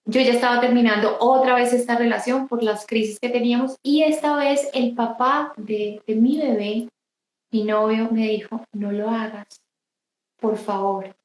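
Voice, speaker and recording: Emotional woman giving a halting testimony. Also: a little high, fairly even intonation, echoey room, low-quality recording. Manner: emotional, halting, with many restarts. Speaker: interview guest. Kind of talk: personal testimony in an interview.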